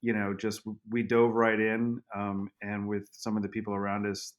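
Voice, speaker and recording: Low-voiced man, halting speech. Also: completely flat delivery. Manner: halting, many fillers and restarts. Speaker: guest, vineyard owner. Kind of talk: casual interview.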